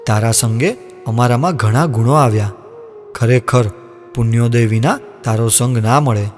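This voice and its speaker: A man's voice: mid-range voice, moderate pace, close to an everyday voice. An actor playing a dignified older king who speaks with sorrow about parting with his daughter. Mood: sorrowful. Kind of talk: devotional audio drama. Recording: long reverb, music underneath.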